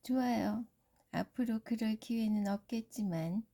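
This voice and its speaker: A woman's voice: on the high side, animated, a little slow, mellow. A woman voicing a haughty, coy young noblewoman from a storybook, read to a young child. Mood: scornful.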